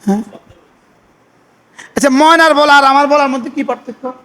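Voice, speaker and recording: A male preacher. He keeps quizzing his listeners with the same question and chants Arabic prayers at a slow, deliberate pace. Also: very high-pitched, pushed and bright. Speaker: Islamic preacher. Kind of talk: sermon.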